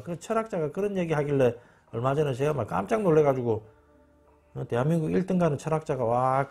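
A man's voice: mid-range voice, darkish tone. Emphatic man repeating words. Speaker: channel host. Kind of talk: informal spoken lecture.

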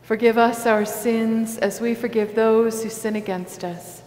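A woman pastor leading prayers and the communion liturgy in a large church sanctuary, with a slow, measured cadence. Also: a little high, steady tone, darkish tone. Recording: echoey church hall.

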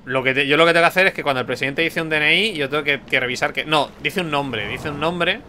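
Bright-voiced gaming streamer. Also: male voice, a little high, fast talker, a little hiss or hum. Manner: chatty, thinks aloud, jokes with chat. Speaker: gameplay streamer. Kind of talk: casual gameplay commentary.

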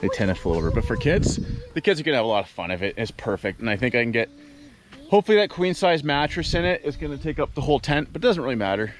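A man's voice: mid-range voice, very animated, fast, slight background noise. Chatty dad rambling outdoors to his camera. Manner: chatty, rambling, with frequent ums and uhs. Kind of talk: casual camping vlog talk to camera. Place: outdoors beside a cornfield. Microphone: handheld action camera at arm's length.

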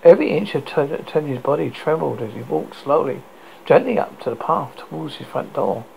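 Gravelly British man reading a story. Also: fairly high pitch, lively intonation, darkish tone, poor audio. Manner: halting, stumbling reading. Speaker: podcast host reading a story. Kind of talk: scripted story narration. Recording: noticeable background noise.

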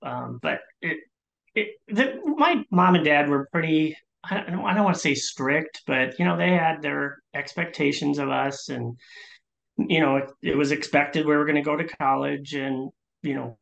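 A middle-aged man from Minnesota, a leadership coach, speaking as a guest over a video call from his home office, relaxed and reflective with many fillers. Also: a little high, normal speed, creaky, dull audio. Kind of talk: casual interview.

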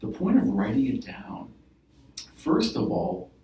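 A man's voice: sits high, very animated, a little slow, vocal fry. A man playing a therapist in a role-play session, explaining patiently and checking in with "right?" as he goes. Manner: explaining gently with many "right?" and "like" fillers. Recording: roomy, from a distance.

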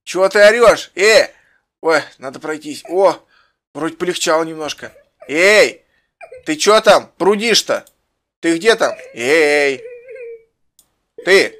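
A man playing a clumsy, injured young man in an improvised game role-play, groaning and complaining, with quick comebacks. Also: a little high, expressive, fairly bright tone. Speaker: Minecraft role-play player.

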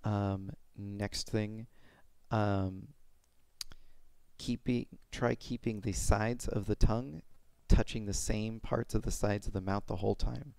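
A young adult man giving an informal, step-by-step pronunciation lesson in a halting way, speaking into a headset mic at home. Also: lowish voice, fairly even intonation, creaky, dark tone, no room sound. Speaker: pronunciation teacher. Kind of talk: informal instructional explanation with demonstrated sounds. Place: small room at home.

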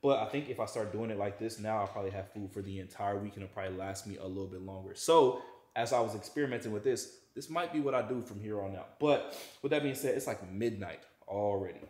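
A young fitness vlogger chats casually to the camera while cooking in a big home kitchen, using slangy, laid-back talk. His voice is fairly low and darkish, and he speaks at a quick pace. The kitchen gives the recording an echoey sound.

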